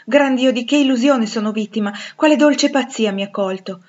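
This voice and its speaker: A woman reading the part of a blind, passionate man who cries out loudly and urgently. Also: mid-range voice, fairly even intonation, normal speed, slightly rough, highs cut off. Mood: anguished. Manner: loud, imperious, then breathless with joy. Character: blind anguished middle-aged man, passionate.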